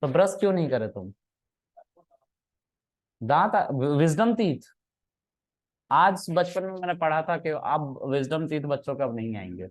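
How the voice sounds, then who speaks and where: A man's voice: fairly high pitch, sing-song, unhurried, long pauses. A man teaching a class as their trainer, teasing his students in playful, casual banter and mixing in English words.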